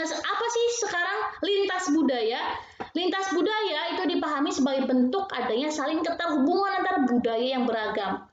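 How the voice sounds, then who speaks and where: High-pitched lady teaching a class, chatty, keeps tagging sentences, super echoey room, kinda muffled sound. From Indonesia. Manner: chatty, frequent tag "ya", mimics regional ways of speaking. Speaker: lecturer. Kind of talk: recorded university lecture. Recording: very echoey dull room with faint hiss.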